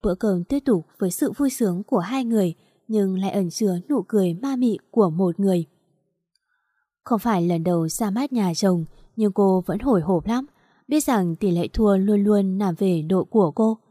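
A woman narrates a story in a steady, even reading voice. Her tone is mellow and warm rather than bright. The recording is close and dry. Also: mid-range voice, normal speed, no room sound.

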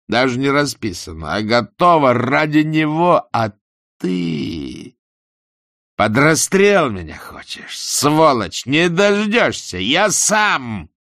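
A man voicing a drunk, despairing middle-aged prosecutor who rants and shouts. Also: medium pitch, no echo, studio quality, pitched above the performer's own voice, exaggerated voice. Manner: loud, ranting, drunken shouting.

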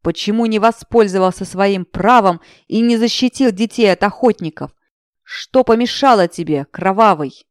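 A woman voicing a calm, mocking male dragon guardian who speaks quietly and cuttingly. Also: mid-range voice, normal speed, no echo, studio quality, natural voice. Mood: menacing.

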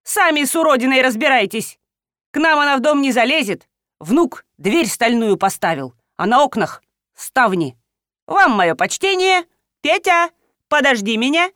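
A woman voicing a bossy old village wife who commands and scolds loudly. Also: on the high side, very animated, moderate pace, few pauses, no room sound, clean studio sound.

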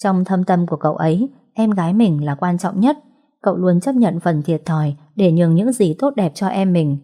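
A woman narrating a story in a calm, even, scripted storytelling manner. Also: fairly low pitch, normal speed.

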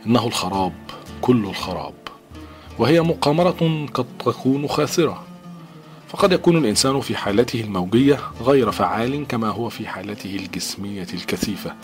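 A man narrating an audiobook novel with a measured, dramatic delivery. His voice is low, and faint music plays underneath. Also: lively intonation.

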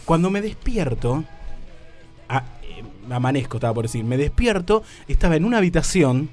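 A man's voice: a little high, lively intonation, moderate pace, darkish tone, faint music behind. A man with an Argentine accent telling a comic story on a radio show, rambling and stammering, often restarting his words. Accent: Argentine Rioplatense. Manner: rambling, self-interrupting, nervous stammer. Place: radio studio.

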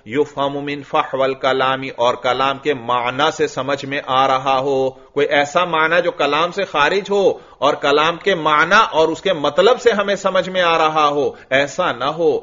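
A man's voice: fairly high pitch, steady tone, few pauses, pushed and bright, dull audio. A male religious teacher giving a lecture on an Arabic grammar text. He chants the Arabic lines, explains each one, calls the listeners brother and checks that they follow.

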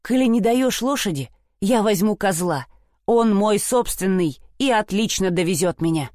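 A woman acting out a boisterous, simple-minded young peasant lad from a storybook, whooping and boasting as he goes. His voice leaps around with lively swings and sits close and dry. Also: medium pitch, moderate pace, dry recording, natural voice. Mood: rowdy glee.

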